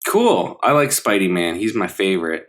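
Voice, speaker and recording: A man with a deep, low voice co-hosting a gaming podcast. He talks in a halting way with many fillers and slips in dry jokes. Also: very animated. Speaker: podcast co-host. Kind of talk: casual podcast chat.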